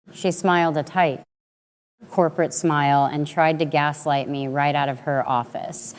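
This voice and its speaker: A woman in her late twenties giving a measured, dramatic first-person story narration. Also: sits low, darkish tone, clean tone. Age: late 20s.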